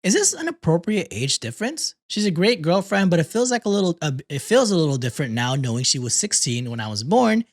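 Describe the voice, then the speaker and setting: A laid-back man reads posts aloud on a casual podcast, his pitch rising and falling a lot as he goes. He talks in loose slang and often laughs between lines. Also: big pitch swings, a little fast, hardly any pauses. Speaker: podcast host reading stories.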